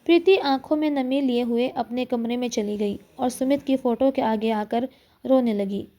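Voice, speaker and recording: High, mellow woman telling a story. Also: normal speed. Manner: steady, expressive reading. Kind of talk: emotional story narration.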